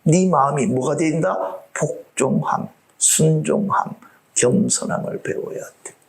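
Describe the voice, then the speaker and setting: A man from South Korea preaching a sermon to his congregation. He swings between loud outbursts and whispered asides and acts out the voices he quotes. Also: on the high side, unhurried, creaky. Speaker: pastor. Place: church before a live congregation.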